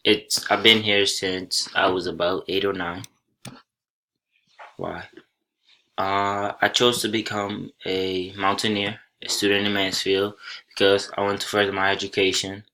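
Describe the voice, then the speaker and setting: A young man from Senegal whose first language is Soninke gives a college class presentation over slides. He speaks plainly and unhurriedly with small restarts, his lowish voice sharp in tone and flat in delivery.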